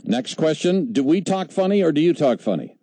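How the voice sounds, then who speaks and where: A man's voice: on the high side, big pitch swings, brisk, dark tone. A man co-hosting a radio talk show, joking and chatting with callers and guests in a folksy way. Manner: jovial, folksy, rambling.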